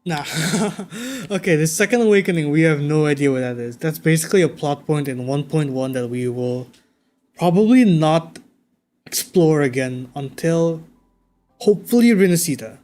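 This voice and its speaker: A man livestreaming a game, talking casually and thinking out loud in a conversational way. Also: on the high side, moderate pace. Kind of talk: casual livestream chat while playing a game. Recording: game music behind the voice. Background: video game music.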